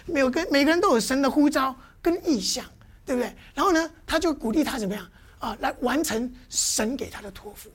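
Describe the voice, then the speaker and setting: A high-pitched woman teaches in a church, firing questions at her listeners and acting out little scenes. Her delivery is lively and interactive, like a teacher coaxing answers from a class. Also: slightly rough. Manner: constantly quizzes the audience with questions; lively, with playful demonstrations.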